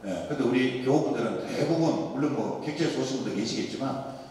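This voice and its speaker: Speaking fast at a medium pitch, a male priest with a Daegu accent from South Korea gives a Lenten sermon lecture full of jokes, lively stories and rhetorical questions. The mic sits far away in a large, echoing church hall.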